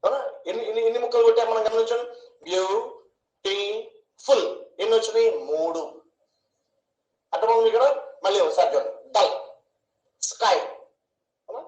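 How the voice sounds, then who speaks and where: Male teacher, high voice, patient questioning delivery; roomy, muffled lo-fi recording. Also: fairly even intonation, darkish tone. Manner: slow, questioning, drawing out each syllable. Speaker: English grammar teacher. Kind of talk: online classroom lesson. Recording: echoey room, dull lo-fi sound.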